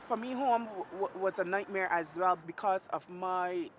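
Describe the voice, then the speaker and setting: A woman from Barbados, speaking in a documentary interview, emotional and halting, laughing softly through hard memories. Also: fairly low pitch, slight background noise.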